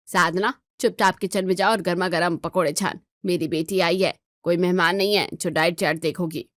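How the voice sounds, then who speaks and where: A woman voicing a sharp-tongued, scheming mother-in-law in her older years, speaking low and scolding. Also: steady tone, normal speed, dry recording, studio quality, close to an everyday voice. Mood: commanding.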